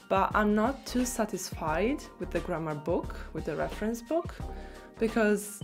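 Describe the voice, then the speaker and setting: A fairly low-voiced young woman with an Italian accent discusses learning a language in a casual talk to camera. The setting is a small room, and her manner is chatty, expressive and full of easy laughter.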